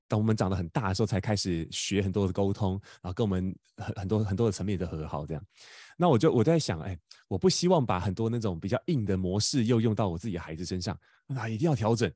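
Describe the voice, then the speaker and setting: A podcast host, rattling along at a quick clip and tripping over repeated words. His voice sits fairly low. The sound is dry and close, with no room around it. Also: mellow, slightly rough, no echo. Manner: fast, stammering restarts, laughs often. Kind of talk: casual storytelling chat.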